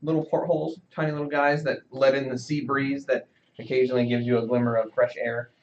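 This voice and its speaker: A man's voice: mid-range voice, flat delivery, fast talker. Rambling man narrating a tabletop game. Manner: rambling, full of fillers and hedges. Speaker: game master. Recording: dull lo-fi sound.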